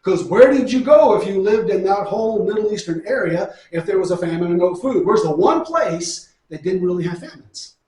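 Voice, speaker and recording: High-voiced man teaching a Bible lesson. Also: lively intonation, moderate pace, hardly any pauses, a little mellow. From New Mexico, US. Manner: folksy, storytelling, asks and answers his own questions. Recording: echoey room, far from mic.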